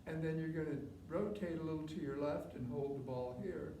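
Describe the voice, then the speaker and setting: Male tai chi instructor, informal and encouraging, short spaced cues, recorded off-mic with clear background noise. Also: fairly high pitch, brisk, warm tone, reverberant, recorded from a distance, low-quality recording. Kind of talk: live movement instruction, step-by-step cues.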